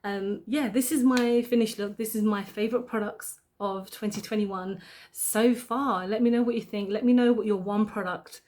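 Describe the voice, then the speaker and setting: Woman, young, beauty vlogger, chatty, talks while doing makeup, medium pitch. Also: fairly even intonation, moderate pace, a little mellow. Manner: chatty, thinks aloud while applying makeup. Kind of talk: casual makeup tutorial chat.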